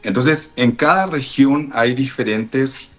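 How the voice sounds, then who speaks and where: A Paraguayan man being interviewed, explaining things in a measured way with frequent fillers and restarts. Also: mid-range voice, faint music behind. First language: Spanish. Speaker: interview guest, language teacher. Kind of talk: thoughtful explanatory interview answers.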